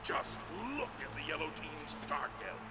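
An actor playing a grandiose arena announcer in a fantasy fighting game, projecting theatrical, drawn-out proclamations. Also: male voice, fairly high pitch, lively intonation, over loud music, close to an everyday voice. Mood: grandiose, rousing. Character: grand, bombastic male arena announcer hyping gladiator fights. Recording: loud game ambience and noise behind.

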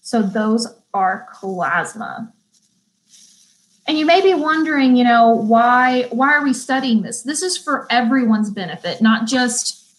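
Young woman, beauty school instructor, fairly high voice, slow careful reading, chatty asides. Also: poor audio. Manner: chatty, laughs easily, stumbles and restarts; reads definitions slowly, then chats. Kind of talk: live online vocabulary lesson.

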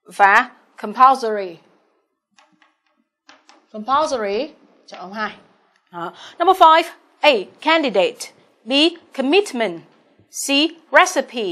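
Vietnamese woman teacher, patient and clear. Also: high-pitched, sing-song, slow, a bit bright. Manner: patient, checks in with "right?" often. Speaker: English teacher. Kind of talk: exam answer walkthrough lesson.

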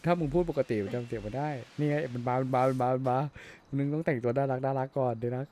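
A man's voice: mid-range voice, fast talker, mellow. A man in casual, profane gaming chat, speaking bluntly in crude slang as he streams over game ambience.

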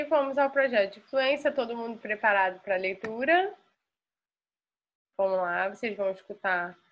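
A woman's voice: a little high, lo-fi sound. A Brazilian woman teacher explaining a lesson patiently to a class, often restarting her words. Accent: Brazilian Portuguese.

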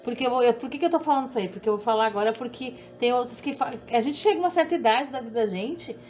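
Rambling southern Brazilian woman, slightly high. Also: rapid-fire, a little mellow. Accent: southern Brazilian Portuguese. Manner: rambling, repetitive, self-deprecating. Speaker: sewing instructor. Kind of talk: chatty sewing tutorial. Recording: dull audio with faint background hum.

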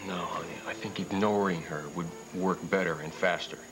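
A man playing a soft-spoken young husband. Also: low-pitched, steady tone, normal speed, natural voice, rough recording. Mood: tender. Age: young adult. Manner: soft, tender, hesitant. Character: earnest young husband reassuring his wife. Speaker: soap opera character Trucker. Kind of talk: 1990s TV soap acting. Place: indoor studio set, dining room. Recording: soap soundtrack with music underneath.

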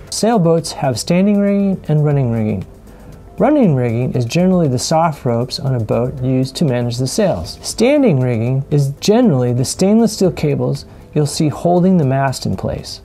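Calm, scripted voice-over for a sailing travel vlog comes from a middle-aged man with a mid-range voice. He explains things with dry humor.

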